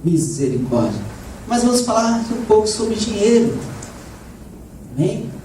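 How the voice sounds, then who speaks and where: A slightly hoarse man preaching a lively sermon to a congregation, often asking "né?" and rising into shouts. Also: sits high, measured pace. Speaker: evangelist preacher. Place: church hall. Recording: echoey church room, voice from far off, background noise.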